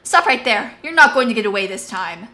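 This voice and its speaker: A woman's voice: medium pitch, fairly quick, bright, forceful tone, natural voice. Woman reading as a stern female officer. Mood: commanding. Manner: stern, formal.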